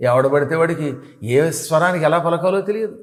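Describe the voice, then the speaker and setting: A man's voice: a little high, fast talker. An older man, a spiritual teacher, explains devotional practice in a didactic way, sounding out syllables and chuckling at his examples. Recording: long hall reverb.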